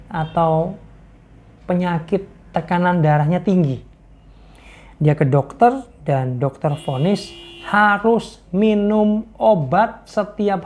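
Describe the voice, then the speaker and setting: Lively woman giving a casual sermon. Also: on the low side. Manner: storytelling, exhorting; laughs often. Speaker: preacher.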